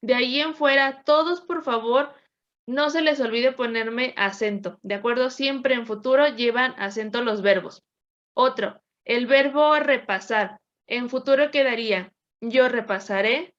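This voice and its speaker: A woman teacher leads a grammar lesson, her voice sitting a little high. She patiently drills verb forms and prompts the class to answer back. The recording is dull and lo-fi. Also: fairly bright tone. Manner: patient, drills conjugations with call-and-response.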